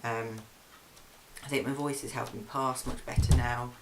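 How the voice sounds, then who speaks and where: Heavy background noise surrounds a young man from England as he chats through a video diary update at home in his flat. His medium-pitched voice barely moves in pitch, his speed is normal, and he frequently says "um" and starts over.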